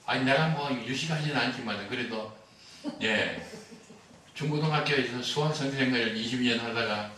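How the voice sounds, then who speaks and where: A man's voice: mid-range voice, measured pace, pushed and bright, a little hiss or hum. An older man preaching a sermon as a pastor, telling stories with humor and acting out the dialogue. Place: church sanctuary. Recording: roomy echo, heard from a distance.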